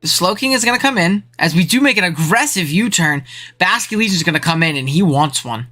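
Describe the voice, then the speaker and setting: Stream commentator, casual live play-by-play, slangy, excitable, mid-range voice, faint background music. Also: a little fast. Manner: excitable, slangy, voice jumps high when thrilled. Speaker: streamer commentating a video game league.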